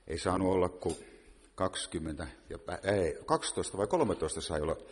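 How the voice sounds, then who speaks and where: A man from a visiting choir, talking in a joking, rambling way at a church service. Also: low-pitched. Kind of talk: humorous talk at a church service. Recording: reverberant church hall with faint noise.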